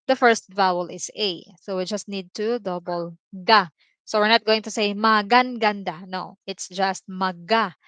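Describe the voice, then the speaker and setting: A woman with a Filipino accent teaching a language lesson on a livestream, explaining slowly with many repeated examples and tag words. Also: medium pitch, fairly bright tone, clear, resonant tone, dry recording. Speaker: Tagalog teacher.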